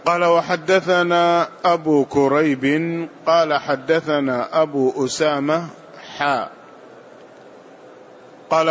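A man reading classical religious texts aloud in a lesson, in a measured, formal way. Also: on the high side, lo-fi sound, a little hiss or hum. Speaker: student reading hadith text aloud. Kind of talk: recitation of classical hadith text.

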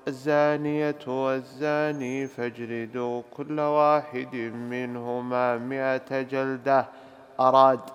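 Slow, clear-voiced man reading scripture commentary. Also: mid-range voice, in a large hall, highs cut off. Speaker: student reading a text aloud to the teacher. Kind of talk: formal reading of a classical commentary.

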